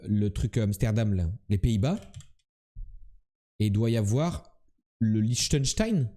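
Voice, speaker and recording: A young man streaming quiz games live, loud and teasing as he talks to his chat. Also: on the low side, clear, resonant tone.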